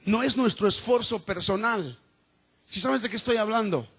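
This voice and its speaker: A man's voice: sits high, moderate pace, a bit bright, breathy edge. A middle-aged man, preaching a sermon in an earnest, conversational way with frequent rhetorical questions. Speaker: pastor. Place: church.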